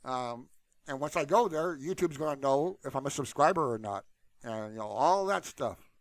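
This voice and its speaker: Speaking to his channel's viewers, a man with a mid-range voice and lively intonation chats at a normal speed without a script. His loose, casual talk is full of repeated "you know"s, and no echo is heard.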